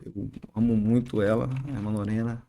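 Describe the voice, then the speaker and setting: A man, a barber and youth leader, telling his faith story in a podcast interview, halting often and tagging sentences with "né?". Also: on the low side, flat delivery, gravelly, crowd noise. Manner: halting, many restarts and "né?" tags. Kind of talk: emotional testimony in casual interview.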